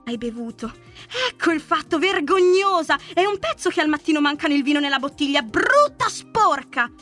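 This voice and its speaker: A woman voicing an irritable lady of the house who scolds her maid in sharp, raised tones, in a read-aloud story. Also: fairly high pitch, monotone, a little fast, slightly rough, faint music behind. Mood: angry scolding.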